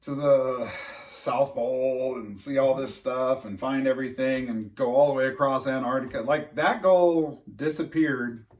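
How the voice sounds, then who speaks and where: A man's voice: mid-range voice, unhurried, recorded from a distance. A man co-hosting a podcast in casual chat, rambling and laughing at his own jokes. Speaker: podcast co-host.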